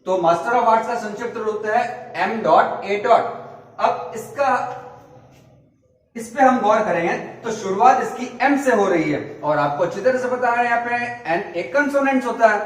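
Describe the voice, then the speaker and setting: A man's voice: high-pitched, normal speed. A male teacher giving a grammar lesson, patiently spelling words out letter by letter. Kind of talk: classroom lesson explaining grammar. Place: classroom or school room. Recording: echoey room, voice from far off.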